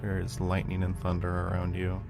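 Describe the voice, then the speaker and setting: A man's voice: deep voice, completely flat delivery, moderate pace, vocal fry. A man acting as game master, improvising narration for a tabletop game. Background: background music.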